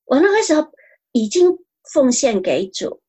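Husky woman giving earnest testimony. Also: high-pitched, very animated, a little slow, a little mellow. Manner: earnest, repeats phrases. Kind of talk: spoken personal testimony.

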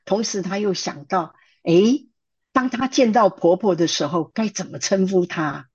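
A middle-aged woman, a church counselor telling a testimony in lively sermon-style storytelling, with fillers and acted quotes. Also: medium pitch, measured pace, breathy edge. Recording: dull lo-fi recording.

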